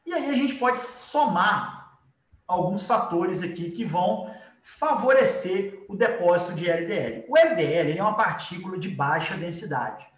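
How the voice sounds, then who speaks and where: A man's voice: high-pitched, expressive, moderate pace, a bit bright, recorded from a distance. A man with a Brazilian accent giving an informal, explanatory lecture as a teacher, often checking in with short tag questions. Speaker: biology teacher. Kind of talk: informal live lecture with drawing. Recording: echoey room.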